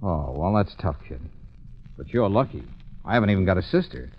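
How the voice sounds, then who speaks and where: Breezy, hugely animated radio private eye. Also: male voice, deep voice, fairly quick, husky, heavily acted. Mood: kindly. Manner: breezy, stammers when flustered. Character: brash, eager, wisecracking young male private investigator. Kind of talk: 1940s radio acting. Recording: dull vintage radio recording.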